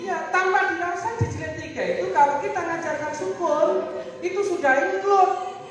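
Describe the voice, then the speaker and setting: A woman's voice: extremely high pitch, moderate pace, background noise. A woman teaching teachers a recitation method, drilling them in call-and-response with sing-song prompts. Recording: echoey hall, far from the mic, crowd behind.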